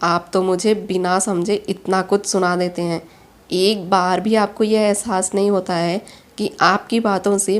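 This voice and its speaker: A proud young office worker in a spoken romance story, reproachful and stubborn, as a woman reads her. Her words come slowly and deliberately, at a mid pitch. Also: close to an everyday voice. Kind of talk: storybook character reading.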